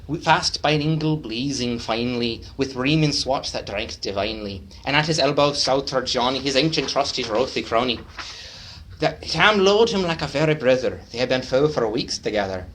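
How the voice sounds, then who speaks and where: At a speaking club's meeting room, a man performs a dramatic poem in an affected Scottish brogue. He shifts between loud declamation and quiet, low lines.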